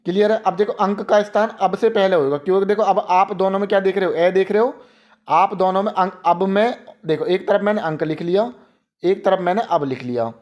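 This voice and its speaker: A young man teaching an exam-prep grammar lesson, asking questions and answering them himself, and slowly repeating example words. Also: high-pitched, darkish tone.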